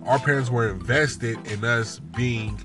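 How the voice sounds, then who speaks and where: A man's voice: mid-range voice, measured pace, over music. Talkative man in his thirties, casual co-host. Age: 30s. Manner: talkative, cursing, "you know what I'm saying". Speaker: podcast co-host. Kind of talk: casual chat.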